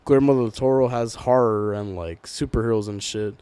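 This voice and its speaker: A young Southern California man hosts a podcast, chatting casually with friends in a low-ish, brisk voice while a crowd murmurs behind him. His speech is slangy and profane, packed with filler phrases.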